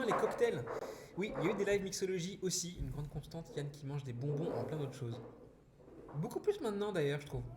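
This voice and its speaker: A man hosting a casual live stream, chatting with viewers and reading their messages aloud, with many restarts and "voilà" fillers. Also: a little high. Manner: chatty and warm toward chat, frequent restarts and "voilà". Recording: roomy echo with loud background noise.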